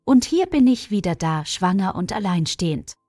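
A woman voicing a young pregnant village woman, quiet and resolute, in a storybook reading. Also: fairly low pitch, big pitch swings, normal speed, no room sound, clean studio sound, soft background music. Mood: earnest.

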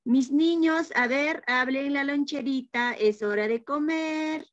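A woman's voice: sits high, takes it slowly, no echo, pitched above the performer's own voice. Woman playing a patient preschool teacher. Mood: soothing. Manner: coaxing, affectionate endearments. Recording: dull lo-fi video call audio.

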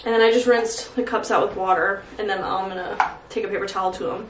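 A woman's voice: medium pitch, steady tone, quick pace. A young woman casually explaining aftercare for a vlog in a blunt, informal way. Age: young adult. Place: small bathroom indoors. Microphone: camera mic a step away. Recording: echoey bathroom, distant mic, background noise.

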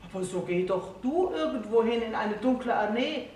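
A woman's voice: fairly high pitch, lively intonation, moderate pace, a little mellow, close to an everyday voice. A grumpy, touchy middle-aged husband who grumbles and slips into a plaintive whine, as a woman reads him aloud. The voice sits far off in a roomy space with a faint hiss behind it. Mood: coaxing. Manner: grumbling, turns whiny and plaintive.

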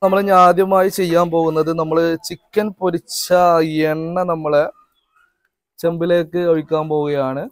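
A man's voice: fairly high pitch, level tone, normal speed, dry recording. A man doing casual vlog narration outdoors behind a house, chatty and talking straight to viewers with teasing asides. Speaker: family vlogger cooking.

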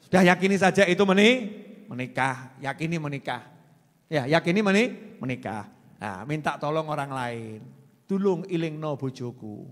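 A man with a Javanese accent preaching, answering a question in an animated, teasing way and slipping in local words. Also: on the high side, normal speed. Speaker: Islamic preacher. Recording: long reverb of a large hall.

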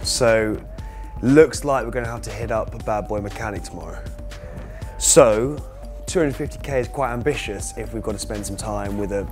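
A man's voice: lowish voice, moderate pace. A young man in his twenties with a British accent, chatting jokily and mocking himself as he vlogs a road trip on a lapel mic. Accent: British English. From United Kingdom. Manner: chatty, jokey and self-mocking. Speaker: travel vlogger. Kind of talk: casual travel vlog. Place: outdoors and in hotels on a road trip. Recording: music playing underneath.

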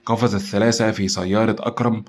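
A man narrating a thriller in a calm, measured storytelling manner. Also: on the low side, a little hiss or hum. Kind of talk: dramatic audiobook narration.

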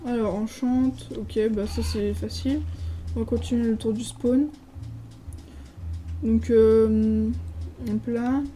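A woman's voice: a little high, fairly even intonation, takes it slowly, dark tone, faint music behind, poor audio. A French woman giving a casual, hesitant commentary while touring a game server, reading signs aloud with lots of filler sounds. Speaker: gaming video creator.

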